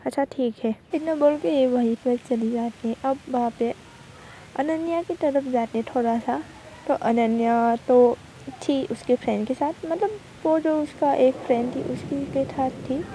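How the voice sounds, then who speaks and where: A woman's voice: high-pitched, unhurried, dark tone, slight background noise. A young woman narrating a college love story casually, in a chatty, loose retelling style.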